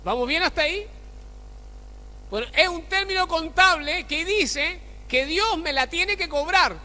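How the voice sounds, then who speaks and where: A male pastor preaches a sermon in church, checking in with the congregation through rhetorical questions. His very high voice is expressive, unhurried, pushed and bright, echoing through a church hall with long reverb.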